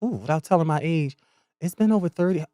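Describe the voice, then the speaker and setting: A woman's voice: low voice, fast talker, mellow, dry recording, studio quality. A woman in her forties with a Philadelphia accent, chatting candidly and sassily as a podcast guest, laughing often. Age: 40s. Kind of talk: casual podcast chat.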